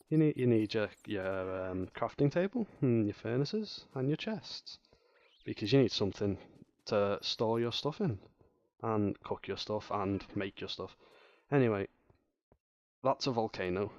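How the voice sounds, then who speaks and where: A lower-pitched man talks through a game tutorial in a loose, rambling way, stumbling over restarts and fillers. His voice is dry and a little dull, like a lo-fi home mic, with faint music underneath. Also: no room sound. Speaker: gaming channel host. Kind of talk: casual gameplay tutorial commentary.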